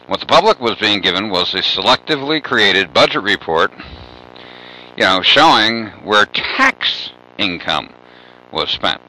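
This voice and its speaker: Man, radio call-in guest, rambling, lots of fillers, bright tense tone, lively pitch. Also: a little slow, low-quality recording. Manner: rambling, many "you know" fillers. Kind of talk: radio talk show interview.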